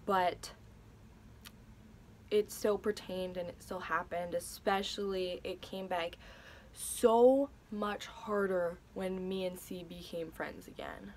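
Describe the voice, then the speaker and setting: A woman's voice: lowish voice, steady tone, slow pace, a little mellow, a little hiss or hum. A young woman telling a personal story in a vlog, hesitant and emotional, with many fillers and restarts. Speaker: vlogger.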